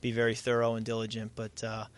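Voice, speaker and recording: A man answering reporters after a game, tired and catching his breath, measured with many fillers and restarts. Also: mid-range voice, monotone. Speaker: quarterback at press conference. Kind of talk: post-game press conference answers.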